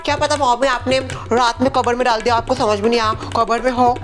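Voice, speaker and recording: A man playing a whole household of women and neighbours in a comedy skit, jumping between squeaky and low put-on voices, with music behind him. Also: little pitch movement, fast, fairly bright tone. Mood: frantic scolding. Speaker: sketch comedian playing all characters. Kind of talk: comedy skit with one performer in every role.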